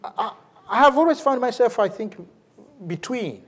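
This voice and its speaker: A middle-aged Ugandan-accented man with a very high voice, a theology professor and priest, stands at a lectern in a large university lecture hall. Speaking at normal speed, he answers a question off the cuff during his lecture, animated and repeating words for emphasis.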